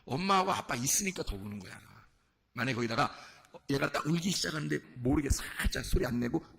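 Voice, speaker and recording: A male pastor preaching a sermon and leading a shouted healing prayer with fervent intensity. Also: mid-range voice, lively intonation, quick pace, gravelly. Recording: loud music behind the voice. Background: loud church music.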